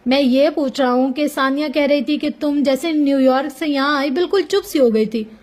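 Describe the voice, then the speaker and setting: An exasperated young husband presses his wife with questions, read by a woman narrator. The voice stays high and is only lightly shaped. It is storybook narration. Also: moderate pace, darkish tone, natural voice. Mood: impatient. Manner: impatient, questioning.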